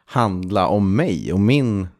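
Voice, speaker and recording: A man with a low, deep voice co-hosts a casual music podcast. He thinks out loud, circling his point with fillers and restarts. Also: big pitch swings. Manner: hesitant, with many fillers and restarts. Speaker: podcast co-host.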